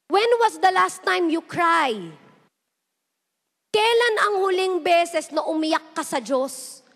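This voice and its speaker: A young woman with a very high voice preaches to a youth service in an echoey church hall. She switches between Tagalog and English and acts out quoted lines as she tells stories. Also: slow pace, a bit bright. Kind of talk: sermon.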